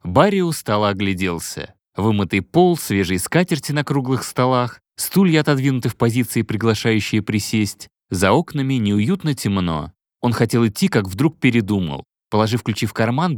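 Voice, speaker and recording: A man reading a novel aloud in measured, expressive scripted narration. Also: on the low side, dry recording, studio quality. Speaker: audiobook narrator.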